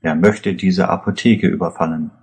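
A man voicing a calm, wry male investigator who speaks with dry irony. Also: low-pitched, moderate pace.

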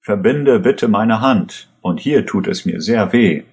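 A wounded, cornered male robber, read by a man pleads in a low voice. He speaks slowly, and the words come across as a plea. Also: animated, darkish tone. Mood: pleading.

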